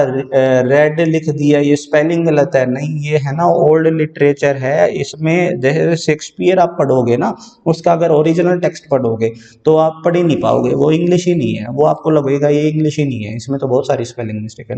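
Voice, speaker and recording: A man's voice: fairly high pitch, vocal fry, warm tone. A male English teacher giving an exam-prep lecture, explaining step by step and repeating key words as he checks that students follow. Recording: distant mic in a reverberant room.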